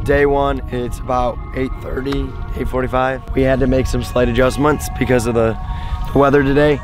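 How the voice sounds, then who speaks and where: Hoarse man vlogging casually. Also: mid-range voice, little pitch movement, moderate pace, over music. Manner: laid-back, rambling, many fillers. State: hoarse, losing his voice from a sinus infection. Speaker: fishing vlogger. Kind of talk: casual vlog talk to camera. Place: car, then outdoors by a lake.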